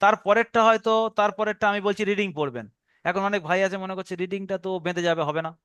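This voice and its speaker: A man's voice: high voice, fast, a bit bright, clean tone, no room sound. A man teaching a Quran reading class over an online call, drilling pronunciation by repeating words.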